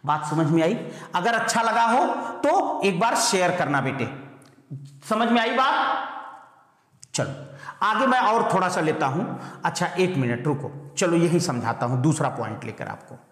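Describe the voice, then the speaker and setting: A male teacher giving an online grammar lesson. He fires repeated questions at his students, calls them "beta", and slows right down to spell out each example sentence. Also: high-pitched, very animated, fairly bright tone. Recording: very echoey room with long reverb.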